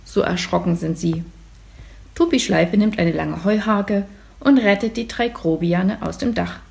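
A woman addressing her listeners and reading a children's story aloud in a calm, lively way. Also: mid-range voice, a little slow, creaky.

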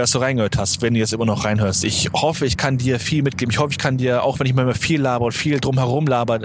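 A man in his twenties hosting a podcast, rambling casually and correcting himself in a slangy motivational monologue outdoors near a supermarket. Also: medium pitch. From Germany. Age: 20s. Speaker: podcast host. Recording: clear outdoor traffic noise. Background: traffic and street noise.

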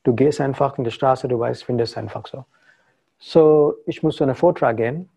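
A man's voice: medium pitch, normal speed, gravelly, warm tone, slightly rough. A man from India, a spiritual teacher giving a talk to followers in broken German with English phrases mixed in. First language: not German.

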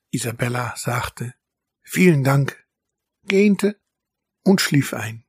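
A man reads a children's story aloud at an unhurried, gentle pace. His voice is husky and a little breathy, recorded close and dry with no room sound. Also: medium pitch, dry recording. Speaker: narrator.

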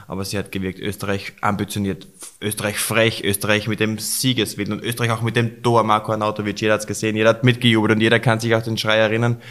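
Hoarse man, fervent. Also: fairly low pitch, fairly bright tone. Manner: emotional, rushed and fervent. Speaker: podcast host. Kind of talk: solo sports recap podcast.

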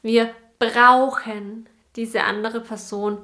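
A woman's voice: on the high side, fairly even intonation, slow pace, sharp tone. A woman hosting a solo podcast as a business mentor, speaking directly to the listener and repeating key phrases for emphasis.

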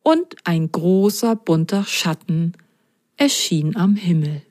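A woman reading a children's story aloud in a gentle, clear way and speaking directly to the children listening. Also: on the low side, animated, takes it slowly, no room sound.

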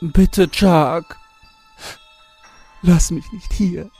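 A man's voice: high-pitched, steady tone, drawn-out words, darkish tone, breathy edge, faint music behind, pitched above the performer's own voice, heavily acted. A man voicing a strange male stalker who laughs, calls out shrilly, then whines and begs. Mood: pleading.

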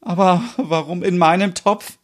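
Shrill, dramatic boss woman in a storybook reading, voiced by a man, high and flustered. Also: fairly even intonation, a little slow. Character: fussy, excitable woman, kitchen owner and boss.

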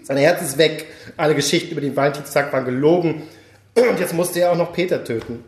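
A man hosting a podcast, reading his own dark story aloud in a slow, grave manner. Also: fairly high pitch. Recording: roomy echo.

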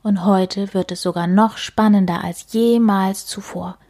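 A woman gently narrating a children's storybook, often near a whisper. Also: mid-range voice, steady tone, measured pace.

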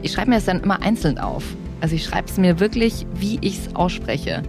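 Woman co-host, bubbly and laughing, lowish voice, music under. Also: lively intonation, moderate pace. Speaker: podcast co-host, voice actress. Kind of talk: casual chat.

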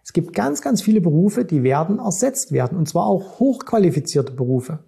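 A man's voice: high voice, sing-song, moderate pace, vocal fry, warm tone, slightly rough. A middle-aged man, a finance coach, talking casually to camera and keeps checking in with the viewer. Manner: direct, keeps addressing the viewer with "ne?" and "So.". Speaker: finance and stock-market coach.

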